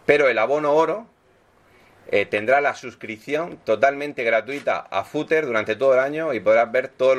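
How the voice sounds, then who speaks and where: A man with a mid-range voice speaks as a football club executive at a press conference. He explains deals and signings, ending his points with tag questions.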